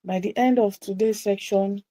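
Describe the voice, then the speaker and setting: Here the woman's mellow, medium-pitched voice holds fairly even intonation at a normal speed, with no room sound. As a visibility coach, she guides a group in a motivational lesson, stressing points with emphasis and repeated key phrases.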